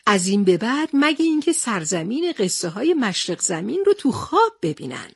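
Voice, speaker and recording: Brief: plain-spoken strongman, read by a woman, husky tone. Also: mid-range voice, very animated, dry recording, studio quality, exaggerated voice. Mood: blunt. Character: male strongman hero in cotton clothes, blunt.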